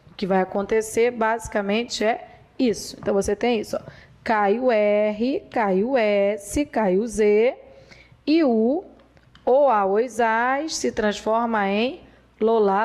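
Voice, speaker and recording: A woman teaching a grammar lesson, repeating rules slowly and drilling them aloud. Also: a little high, a little mellow. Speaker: Portuguese teacher.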